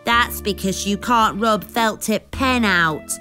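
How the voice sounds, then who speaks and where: A woman voicing a friendly young boy snail in a storybook reading, sometimes gruff. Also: medium pitch, takes it slowly, sharp tone, faint music behind, pitched above the performer's own voice. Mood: earnest. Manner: gruff, reasonable.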